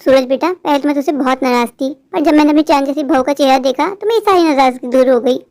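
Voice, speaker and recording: A woman's voice: high-pitched, fast, a little mellow. A woman voicing a bossy, greedy middle-aged mother-in-law in a cartoon, who scolds and then turns sugary and grasping. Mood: sweet. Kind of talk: cartoon voice acting.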